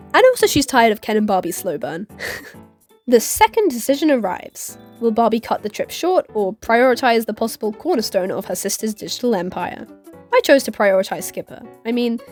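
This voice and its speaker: A woman in her twenties recapping a film in a casual commentary vlog, full of sarcastic asides and giggles. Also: fairly high pitch. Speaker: YouTube commentator.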